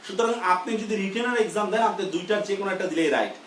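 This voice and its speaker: A man's voice: high-pitched, very fast, a bit bright, reverberant, distant mic, slight background noise, low-quality recording. A man teaches a grammar lesson live. He explains step by step and keeps asking whether the class understands.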